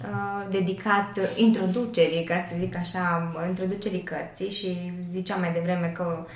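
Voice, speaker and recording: A woman's voice: on the low side, steady tone, echoey room. A woman co-hosting a podcast, agreeing often and wrapping up the episode with many hesitant fillers. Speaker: podcast co-host. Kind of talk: casual podcast conversation.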